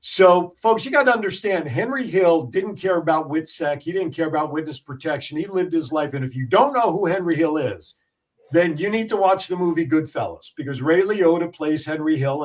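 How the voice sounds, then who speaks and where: A man's voice: on the high side, moderate pace, distant mic, low-quality recording. A man hosting a radio talk show, telling stories with lots of fillers and restarts. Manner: animated storyteller, many fillers and restarts. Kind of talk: casual radio talk and storytelling.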